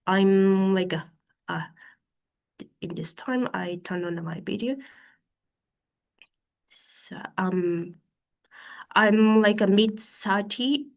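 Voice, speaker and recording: Over a video call, a thirtysomething Japanese woman presents a conference talk in English, which is not her first language. Her medium-pitched voice is gravelly with fairly even intonation, slightly stuffy from hay fever, and her delivery is careful and halting, full of fillers.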